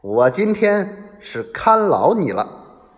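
A man voicing a bold, defiant man who shouts taunting challenges in a storytelling recording with long reverb. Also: mid-range voice, big pitch swings, slow, vocal fry, exaggerated voice. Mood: stubborn.

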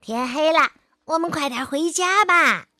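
A woman voicing an excitable, chattering toy teddy bear in a storybook. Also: high voice, moderate pace, no room sound, clean studio sound. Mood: excited.

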